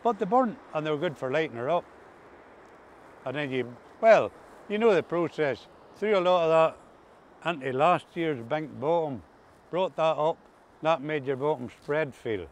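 A man's voice: a little high, animated, moderate pace. An older man with an Ulster Scots accent, chatting casually and reminiscing in broad rural dialect. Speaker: interviewee recalling farm life. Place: outdoors on a grassy coastal path by the sea. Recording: clear outdoor ambient noise.

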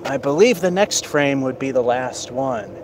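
A man's voice: medium pitch, animated, moderate pace. A man casually commenting and tallying scores as he bowls on an outdoor lane in a parking lot, with wry asides. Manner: chatty, wry asides while keeping score. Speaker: bowler filming himself. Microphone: camera on a stand, away from him. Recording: outdoor camera mic with background noise.

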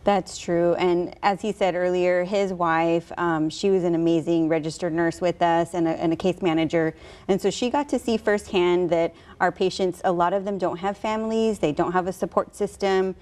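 A woman's voice: lowish voice, steady tone, moderate pace, a little mellow. A woman in her thirties, a hospice representative chatting as a guest in a TV studio, with many fillers. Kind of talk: TV studio interview. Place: local TV news studio, on a couch. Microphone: lapel mic.

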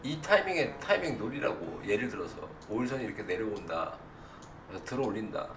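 A middle-aged man hosts a stock livestream from a computer desk indoors, giving live chart commentary in a blunt, informal way and quizzing viewers with repeated either-or questions. He talks fast with a very animated pitch. The mic sits at a distance in a roomy space, with background noise and faint music behind him.

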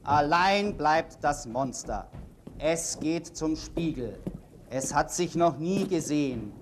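A man narrating a comic sketch in a measured, dramatic storytelling manner. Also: fairly high pitch, animated. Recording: 1970s TV studio, audience, hiss. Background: studio audience.

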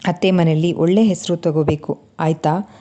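A woman voicing an affectionate mother who gently blesses her departing daughter. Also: deep voice, steady tone, moderate pace, muffled recording, close to an everyday voice. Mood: tender.

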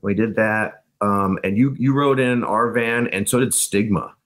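Low-voiced man telling loose stories. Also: moderate pace, fairly bright tone. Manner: loose, rambling storyteller with many fillers. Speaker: guest, band frontman. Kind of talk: casual podcast chat.

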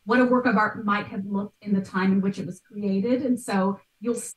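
An American woman around her thirties, an art history expert appearing as a podcast guest, explains things conversationally and stresses key words. Her mid-range voice is steady at normal speed, and she's in a small bright room at home, recorded over a video call with a roomy sound.

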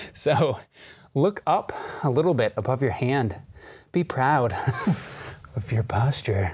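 A man's voice: mid-range voice, expressive, slow, pauses often, darkish tone, slightly rough. A young man, a fitness coach, talks casually as he demonstrates a crawling exercise in a carpeted living room, recorded by a camera a few meters off.

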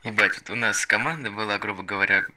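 Fast low-voiced man in loud gunfire. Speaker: squad gamer. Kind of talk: casual gaming voice chat. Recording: very noisy game audio with gunfire. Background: loud gunfire, clicks.

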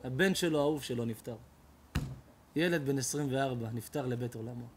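A man, a rabbi, preaching an emotional storytelling sermon, shifting dramatically between loud outcries and hushed tones. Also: mid-range voice, background noise.

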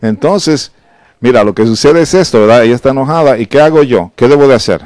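A man's voice: mid-range voice, lively intonation, fast talker, a little mellow, dry recording. A male pastor preaching a sermon in a conversational, exhortative way and often asking the congregation questions.

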